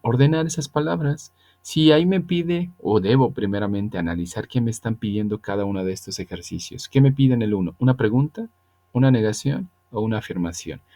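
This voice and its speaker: A man, a virtual tutor explaining English grammar patiently to students, slowing down for the examples. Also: on the low side, mellow. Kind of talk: online grammar lesson.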